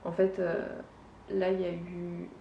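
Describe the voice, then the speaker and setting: A woman's voice: fairly low pitch, completely flat delivery, unhurried, vocal fry, a little hiss or hum. Chatty French woman, knitting vlog. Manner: chatty, hesitant, many fillers and restarts. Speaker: knitting vlogger. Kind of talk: casual chat. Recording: dull, echoey room from far off.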